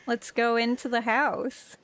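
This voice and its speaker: A woman's voice: on the high side, flat delivery, a little slow, a bit bright. A woman streamer chatting casually while playing a story game, thinking aloud and choosing actions. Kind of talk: casual gameplay chat.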